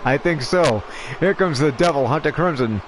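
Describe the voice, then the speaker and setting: A man doing color commentary on video game wrestling matches, easygoing and quick to laugh. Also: on the high side, animated, background noise.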